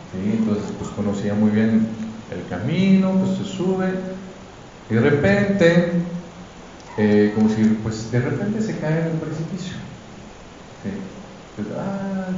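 A man preaching a Sunday homily, unhurried, searching for words and checking in with the congregation. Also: medium pitch, a little mellow. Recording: echoey church hall, dull sound, faint noise.

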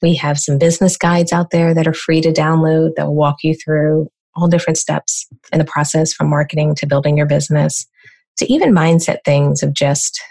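Low, gravelly-voiced American woman explaining. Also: fairly even intonation, a little mellow. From United States. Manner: brisk, explanatory, rhetorical questions. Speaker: business coach guest. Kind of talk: conversational interview answers.

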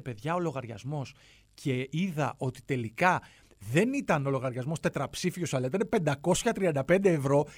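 A man's voice: no echo, studio quality. A man in his forties hosting a sarcastic comic monologue, ranting with mock exasperation. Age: 40s. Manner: animated, mocking, exasperated rants with sudden high shouts. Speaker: radio-style commentary host.

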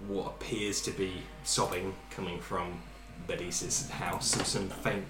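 A man narrates a tabletop role-playing game as its game master, his voice sitting low. He talks in an easygoing way, fixing his own words mid-sentence. The room around him rings with echo. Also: flat delivery, a little slow, loud music behind the voice. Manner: easygoing, self-correcting narration with frequent throat clearing.

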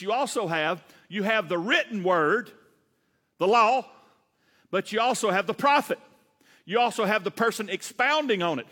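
Fast-talking Southern preacher, bright voice. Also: male voice, sits high, in a large hall. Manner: fast, animated preaching with rhetorical questions to the congregation. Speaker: pastor. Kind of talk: sermon. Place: church sanctuary.

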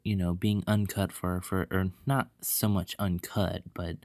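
A man's voice: low voice, little pitch movement, measured pace, a little mellow, dry recording. A young man co-hosting a casual podcast, laid-back and teasing. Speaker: podcast co-host.

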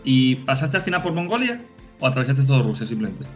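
A man's voice: medium pitch, very animated, fast talker. Spanish guy hosting a chat, asks loads of questions, bit dull audio with music. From Spain. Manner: curious, asks many questions. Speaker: host. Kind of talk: casual interview chat.

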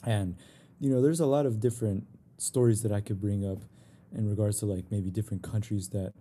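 A man's voice: on the low side, fairly even intonation, fairly quick, mellow, a little hiss or hum. A young man hosting a podcast in casual chat, laid-back and rambling, often saying "you know". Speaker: podcast host.

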